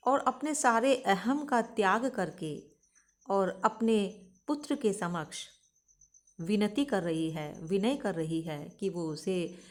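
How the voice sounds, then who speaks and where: A woman's voice: mid-range voice, slow. A middle-aged woman teacher giving a lecture on a poem, explaining it step by step and addressing her students as children.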